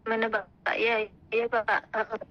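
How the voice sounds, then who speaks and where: A woman's voice: a little high, monotone, measured pace. An Indonesian woman calling for advice on a phone line that keeps breaking up, answering hesitantly with short agreeing fillers. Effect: choppy phone line breaking up. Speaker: caller, domestic worker abroad. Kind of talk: phone call asking advice. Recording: muffled phone audio.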